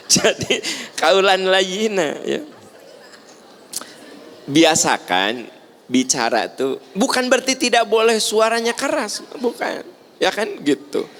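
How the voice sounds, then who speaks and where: A man's voice: high voice, very animated, takes it slowly, pauses often, fairly bright tone, some chatter behind. A man with a Sundanese accent giving a religious lecture, acting out family scenes with playful humor. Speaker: preacher.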